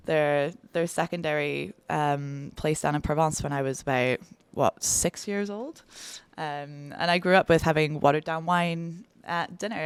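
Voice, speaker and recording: A woman's voice: low-pitched, smooth, no room sound. A woman in her thirties from Belgium, a bartender talking enthusiastically in a casual podcast interview, lingering on descriptive words. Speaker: bartender guest.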